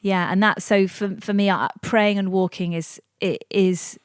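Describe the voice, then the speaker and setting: A woman's voice: mid-range voice, fairly even intonation, measured pace, smooth, no echo, clean studio sound. Reflective woman, podcast co-host. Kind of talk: casual conversation.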